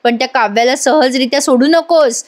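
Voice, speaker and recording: A woman's voice: sits high, moderate pace, lightly acted. A woman voicing a plotting middle-aged aunt who eggs her sister on, in a serial recap. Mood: conspiring.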